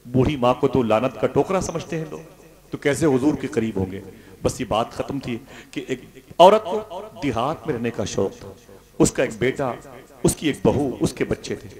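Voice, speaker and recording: Male preacher, emotional sermon storytelling, medium pitch, loud then hushed. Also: animated, normal speed, crowd noise. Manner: swings from loud impassioned declaiming to hushed, grieving tones. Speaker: Islamic speaker.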